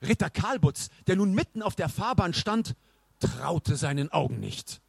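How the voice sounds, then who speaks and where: A man reading a storybook in an expressive, measured narration. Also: high voice, gravelly, husky, no room sound.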